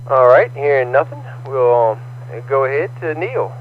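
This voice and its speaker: A man's voice: medium pitch, lively intonation. Man on a tinny ham radio transmission. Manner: halting, many ums and uhs. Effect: heard over a ham radio transmission. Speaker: net control operator of a ham radio net. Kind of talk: ham radio net check-ins and trivia.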